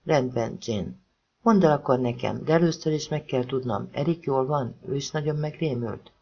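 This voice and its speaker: A woman's voice: very deep voice, husky, heavily acted. A man reading a determined, lonely woman with a firm, insistent manner, in a slightly dull audiobook recording. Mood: soothing. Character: determined, lonely woman ready to sacrifice herself.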